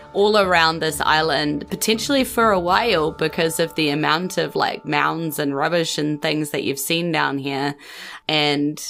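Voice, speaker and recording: A woman from New Zealand, a game master and podcast host, narrates a tabletop game in an informal, conversational, descriptive style. Her voice is low and gravelly, with a slight brightness.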